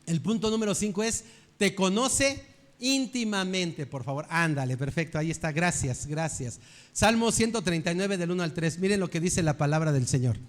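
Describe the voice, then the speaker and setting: Older pastor with a high voice. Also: male voice, expressive, normal speed. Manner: earnest preaching with rhetorical questions. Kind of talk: sermon.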